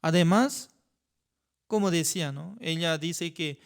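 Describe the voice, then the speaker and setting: A male pastor teaches a Bible study at an unhurried, deliberate pace. He speaks in halting, simple sentences, often pausing to check in with his listeners. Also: on the high side, vocal fry, smooth. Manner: halting, with frequent rhetorical "¿no?" asides; non-native phrasing with simple grammar.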